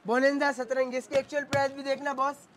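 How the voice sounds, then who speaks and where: Male Pakistani shop seller, very high voice, rapid insistent hard-sell delivery. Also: level tone, fairly bright tone, a little hiss or hum. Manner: insistent, repetitive price-pushing. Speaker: clothing shop salesman. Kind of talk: hard-sell sales pitch, showing goods and discounted prices. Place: clothing shop.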